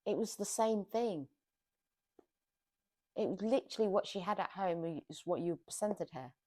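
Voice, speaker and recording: A woman's voice: mid-range voice, moderate pace, warm tone. A woman giving casual, exasperated commentary on a reality TV show, scolding the people on it.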